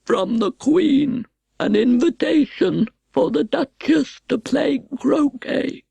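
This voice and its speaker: Storybook footman, half animal, acted by a woman: male, pompous, very drawn-out, ceremonious delivery. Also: sits high, expressive, gravelly, mellow, dry recording, pitched above the performer's own voice, full character voice. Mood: solemn. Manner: slow, ceremonious, solemn. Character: solemn, pompous male fish or frog footman.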